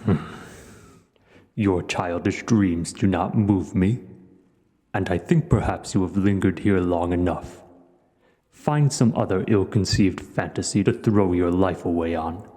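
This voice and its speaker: A huge male dragon speaks in a very deep, dark, slow voice that is imperious and scornful. His delivery is deliberate, formal and pompous, and he comes across as menacing, learned and coolly curious. It's scripted audio roleplay voice acting with a long cavernous reverb.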